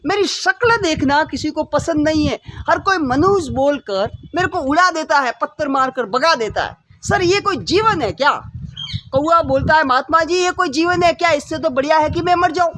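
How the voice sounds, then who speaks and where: A man's voice: very high-pitched, lively intonation, normal speed, sharp tone, heavily acted. A man voicing a whiny, pleading crow. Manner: complaining, pleading. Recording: noisy recording.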